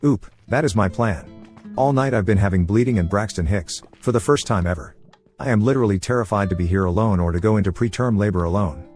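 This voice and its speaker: A man narrating forum posts as a story, reading quickly with few pauses. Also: lowish voice, a little mellow, faint music behind. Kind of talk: fast scripted story reading.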